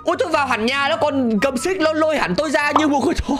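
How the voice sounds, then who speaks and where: A man giving excitable gameplay commentary, laughing often and talking straight to his viewers. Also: extremely high pitch, fast, faint music behind. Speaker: gaming channel host.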